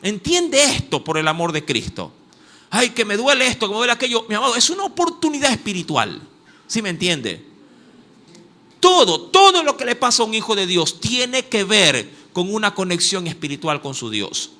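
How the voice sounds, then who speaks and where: A man's voice: high-pitched, wildly swooping pitch, normal speed, sharp tone. A man with an Ecuadorian Spanish accent preaching a sermon emphatically, with repeated direct address to his listeners. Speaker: pastor.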